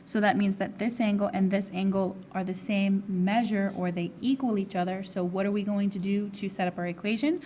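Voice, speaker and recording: A woman teacher with a hoarse, fading voice, working step by step through a recorded math review and asking herself questions before answering them. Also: mid-range voice, fairly even intonation, brisk, hardly any pauses, dark tone, slight background noise. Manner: steps through problems, asking and answering her own questions. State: hoarse, losing her voice, with coughs. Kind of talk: recorded test review lesson.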